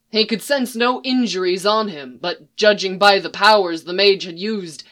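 A narrator reads a fan story aloud, unhurried and measured. The pitch sits at a middling height. The telling stays slow and even throughout.

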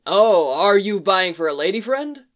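A woman with a mid-range, fairly bright voice speaks in an animated yet unhurried way while playing a character. She voices a bearded, folksy, middle-aged male stable seller pushing his horses, sounding salesy and hesitant.

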